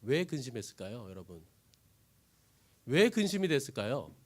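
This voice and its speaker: A man preaching a lively sermon, retelling a story and asking his listeners questions. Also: medium pitch, normal speed. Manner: animated, asks the audience questions.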